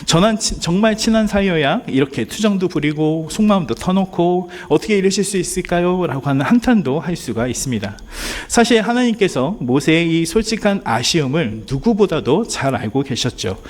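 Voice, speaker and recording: A man's voice: on the high side, big pitch swings, normal speed, hardly any pauses. A man preaching a sermon as pastor, earnest and speaking straight to the congregation, at times acting out pleading prayers. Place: church sanctuary.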